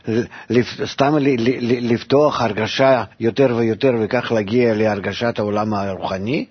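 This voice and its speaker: A man's voice: medium pitch, breathy edge. A man teaching a study lesson, explaining a text and repeating words for emphasis in emphatic bursts. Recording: dull lo-fi recording.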